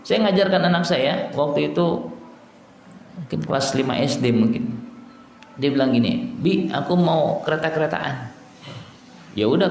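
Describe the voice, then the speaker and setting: A man's voice: medium pitch, slight background noise. A middle-aged man with an Indonesian accent giving a casual religious study talk, telling stories and acting out the dialogue. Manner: storytelling, acts out dialogue, chuckles at own jokes. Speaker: Islamic teacher. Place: prayer room. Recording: echoey hall with faint ambience.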